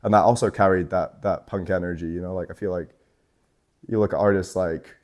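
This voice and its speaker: Very deep-voiced young man from Scotland. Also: steady tone, brisk, a little mellow. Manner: loose, rambling, heavy on "like" and swearing. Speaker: guest artist. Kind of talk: casual chat. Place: tattoo shop.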